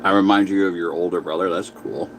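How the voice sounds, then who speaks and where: A man's voice: sits low, fairly even intonation, a little fast, a little hiss or hum, low-quality recording. A man chatting casually on a livestream while eating, answering viewer comments and talking with his mouth full. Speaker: livestream host.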